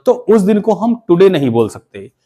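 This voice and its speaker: Male classroom teacher, high and very animated pitch; call-and-response questioning. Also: normal speed. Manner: call-and-response questioning, repeats key terms. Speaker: English teacher. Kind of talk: classroom grammar lesson. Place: classroom with students.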